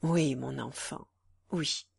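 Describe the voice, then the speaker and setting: A woman voicing a gentle, composed young nobleman. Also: extremely low pitch, steady tone, takes it slowly, gravelly, breathy edge, voice pushed down, exaggerated voice. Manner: gentle, soothing.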